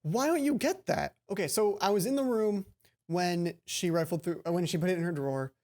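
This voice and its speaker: A woman let's player reads a visual novel aloud with lots of expression, occasionally stumbling and rereading a line. Her voice is lowish and her delivery brisk.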